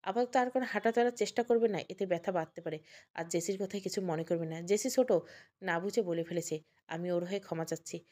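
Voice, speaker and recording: A woman voicing a gentle, polite foreign young wife who speaks softly and a little haltingly. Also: on the low side, lightly acted. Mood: apologetic. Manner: soft, polite, apologetic, slightly halting.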